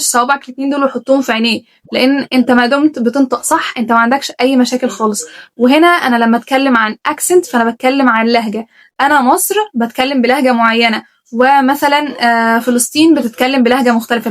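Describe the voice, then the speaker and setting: A woman with an Egyptian Arabic accent, talking to her channel about learning languages in a blunt, emphatic way, full of rhetorical questions. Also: high-pitched. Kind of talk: opinionated vlog talk to camera.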